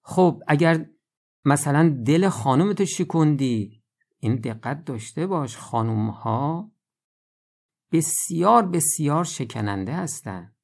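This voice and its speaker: A man giving an earnest religious lecture, urging his listeners in rising bursts and then slowing to drawn-out phrases. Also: on the high side, animated, a little mellow. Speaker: preacher.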